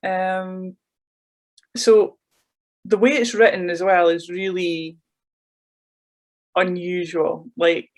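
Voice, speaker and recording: High-voiced Scottish man interviewing. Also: flat delivery. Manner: chatty, quick backchannel agreement. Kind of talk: casual interview chat.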